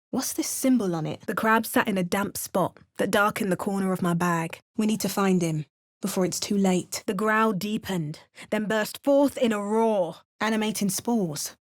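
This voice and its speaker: A woman with a mid-range voice close to her everyday one plays a wry, battle-hardened adult adventurer in a video game. She delivers character barks and narration of the journey, full of dry, sardonic asides.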